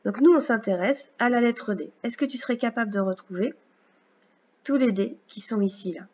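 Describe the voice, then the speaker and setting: A woman teacher walks a young child through a phonics lesson in a recorded video. She speaks slowly and clearly, patiently stretching out each sound. The recording is dull and a little lo-fi, like a home computer capture. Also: on the high side, a little mellow. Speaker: first-grade teacher.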